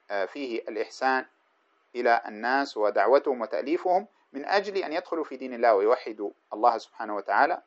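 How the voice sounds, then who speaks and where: Male religious teacher, quick explanatory lecturing, self-correcting; dull lo-fi recording. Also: medium pitch. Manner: explanatory, pauses and corrects himself mid-sentence. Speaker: Islamic scholar teaching hadith.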